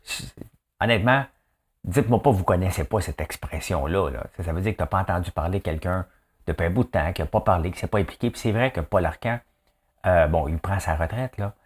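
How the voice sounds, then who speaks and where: A man's voice: sits low, brisk, husky. A man with a Québécois accent hosting a casual daily news commentary, chatty and joking, with frequent fillers and asides. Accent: Québécois French. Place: rural home in the countryside.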